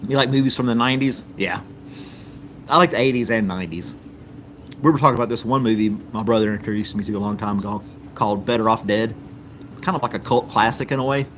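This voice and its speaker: A fairly low-pitched, slightly bright male voice talks fast as a US live-stream host, relaxed and rambling while he goes through viewer comments with frequent ums. A little hiss or hum sits under the audio.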